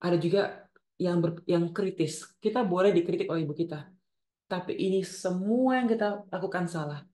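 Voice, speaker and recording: A woman's voice: lowish voice, moderate pace, warm tone. Woman giving an earnest church teaching talk, repeats her points, echoey room. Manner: earnest, repeats key phrases for emphasis. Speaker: women's ministry speaker.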